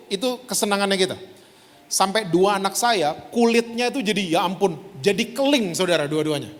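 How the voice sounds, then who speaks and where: A middle-aged man preaches in a high, bright voice, talking easily and animatedly, with frequent asides to his listeners. His words ring out with the long reverb of a large hall. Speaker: pastor. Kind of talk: sermon.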